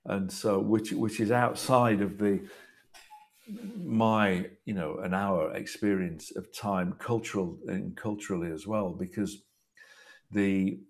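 Deep-voiced man musing on a video call. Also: fairly even intonation, takes it slowly, gravelly. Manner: thoughtful, rambling with restarts. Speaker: host, artist. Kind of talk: casual discussion on a video call.

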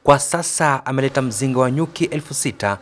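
A man's voice: mid-range voice, quick pace, a little hiss or hum. A man with a Kenyan accent reading scripted news feature narration in Swahili.

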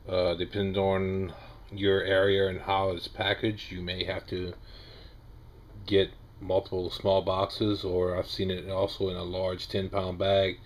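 A man's voice: sits low, completely flat delivery, a little slow. A man in his forties with a Southern US accent, talking casually in a how-to video and rambling a little with restarts. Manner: plain-spoken, rambling with restarts and fillers. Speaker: homestead vlogger. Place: small wood-paneled room indoors.

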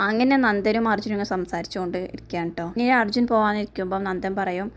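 A woman's voice: mid-range voice, quick pace. A woman casually retelling a TV serial episode, chatty and friendly in tone. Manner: chatty, adds a friendly "tto" tag to sentences. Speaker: TV serial reviewer.

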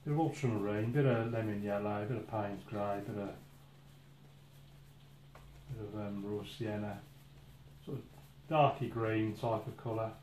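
A lower-pitched man talks through his painting in a relaxed, self-critical way, often restarting his sentences as he goes. He sounds like he is in an echoey room, and there is clear background noise behind him. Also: a little slow, pauses often. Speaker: watercolour painting instructor. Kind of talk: casual painting demonstration. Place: indoor studio at an easel.

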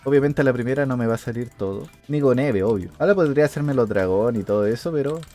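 A man commentating his own gameplay, animated and prone to sudden excited shouts and mouth sound effects. His voice sits at an ordinary pitch, with faint game music underneath. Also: fast talker. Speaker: gaming streamer.

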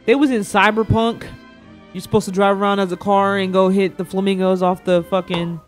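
With a high voice, a level tone, and a fairly quick pace, a young man banters playfully with his chat during a casual reaction livestream, using slangy, informal speech. Faint background music fills his indoor streaming room.

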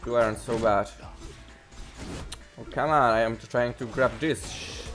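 A man's voice: medium pitch, unhurried, fairly bright tone, faint music behind. A man playing a video game, commenting casually with jokes and curses. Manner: swearing, joking, playful. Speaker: gamer.

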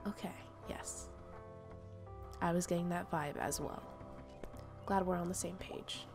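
A young woman streamer giving playful let's-play commentary, often dropping to soft whispers. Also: lowish voice, fairly even intonation, a little slow, vocal fry, music in the background.

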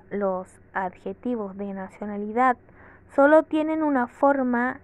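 Slow, careful woman, voice a touch high, reading and translating an English lesson. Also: darkish tone, poor audio. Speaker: English teacher.

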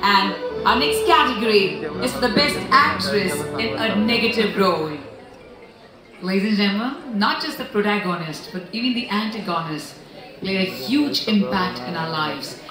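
A woman's voice: mid-range voice, expressive, moderate pace. A woman with an Indian accent hosting an awards show, announcing effusively and emphatically from the stage. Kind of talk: exuberant stage announcing, drawn-out name calls. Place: large indoor stage at a podium. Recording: very echoey hall PA, music behind.

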